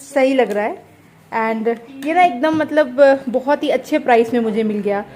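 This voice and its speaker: A woman's voice: on the high side, moderate pace, darkish tone, a little hiss or hum. A young mother chatting casually in a home vlog, switching into playful baby talk with her toddler. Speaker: vlogger and mother. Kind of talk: casual family vlog chat. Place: home indoors.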